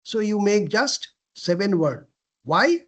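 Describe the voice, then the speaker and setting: A man with a fairly high voice teaches a class on how to present well. He talks slowly and deliberately, putting questions to the room and answering them himself. He often clears his throat and restarts his phrases. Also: sing-song, fairly bright tone. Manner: frequent throat clearing and self-corrections. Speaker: lecturer on presentation skills. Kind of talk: classroom lecture.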